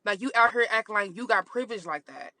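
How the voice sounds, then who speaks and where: A woman's voice: mid-range voice, animated, quick pace, bright, forceful tone, dry recording. A woman delivering a blunt, scolding, profane rant in a casual online video. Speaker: commentator reacting online.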